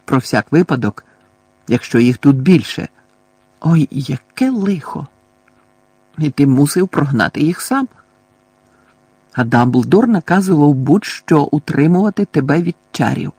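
A man reading an audiobook voices a shrill, furious old woman, a bossy neighbour who shrieks and scolds. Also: lively intonation, measured pace, pauses often, a little mellow, slightly rough, no echo, full character voice. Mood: brisk fussing.

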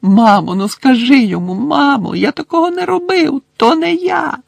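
A man voicing a young man in chains who begs and cries in a high, strained voice. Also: animated, slow, vocal fry, a little mellow, no room sound, heavily acted. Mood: desperate pleading. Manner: high, crying, begging.

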